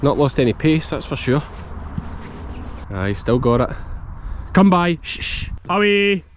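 A Scottish man in his thirties with a broad accent, his voice fairly high, sing-song and a little slow. He's a sheep farmer vlogging casually out in an open farm field, chatting to a child and his sheepdog. It's captured on an action camera held at arm's length, with outdoor field noise around him.

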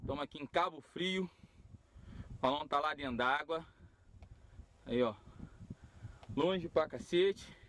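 A man giving a casual, excited running commentary outdoors on a windy shore, filming on a phone and calling out to friends. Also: fairly high pitch, measured pace, long pauses, low-quality recording. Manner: excited, swearing, calls out to friends. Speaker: balloon chaser filming. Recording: loud wind noise outdoors.

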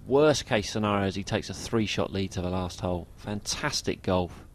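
A man's voice: deep voice, brisk, slight background noise. A man giving golf commentary, analysing each shot of a tournament.

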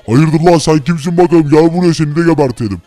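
A man's voice: fairly high pitch, quick pace, dark tone, no echo, voice pushed down, natural voice. Man doing a taunting villain's henchman. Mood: menacing. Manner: threatening, taunting. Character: menacing male henchman of a villainous grandmother.

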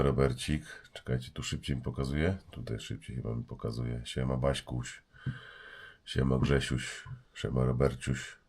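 A man's voice: very deep voice, a little mellow, husky. A man with a stuffy nose from a cold hosting a casual livestream at home, joking and greeting viewers by name. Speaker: livestream host.

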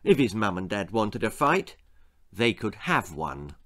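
Reading a story he wrote for children, an older man uses a lowish voice at a measured pace. The setting is a small book-lined room, and his performance is dramatic and animated.

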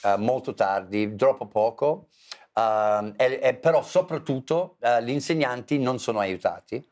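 Englishman speaking lively, accented Italian. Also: mid-range voice, unhurried. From England. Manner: animated storyteller, mimics voices in quotes. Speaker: English teacher. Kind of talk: interview conversation.

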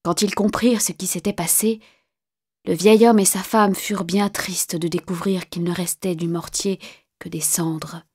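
A woman narrating a fairy tale in a calm, measured voice that sometimes drops to a hushed whisper. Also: lowish voice, breathy edge. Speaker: storyteller. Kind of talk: storybook narration. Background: faint music.

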